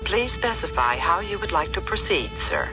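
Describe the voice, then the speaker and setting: Malfunctioning starship computer. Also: female voice, fairly low pitch, moderate pace, lo-fi sound. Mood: mechanical. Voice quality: flat, clipped machine announcements. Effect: computer voice played back from a clip. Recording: clip with loud music behind.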